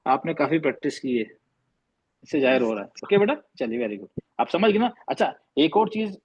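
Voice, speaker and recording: A man teaches Quran recitation over a call, stretching sounds slowly as he corrects students. His voice sits slightly high. The audio is dull and lo-fi. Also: sing-song, husky. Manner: patient, slow demonstrating drills. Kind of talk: online tajweed class correction.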